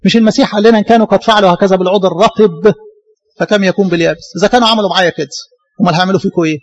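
A man with an Egyptian Arabic accent preaching a sermon, throwing out rhetorical questions and slowing down to quote scripture. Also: high voice, dull audio. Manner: rhetorical questions, shifts between quick colloquial talk and slow scripture; animated, rising bursts of emphasis.

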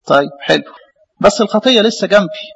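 A man with an Egyptian Arabic accent preaching a sermon as a priest, lively, with many rhetorical questions. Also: high voice, fast talker, gravelly, slightly rough, big-room sound, lo-fi sound.

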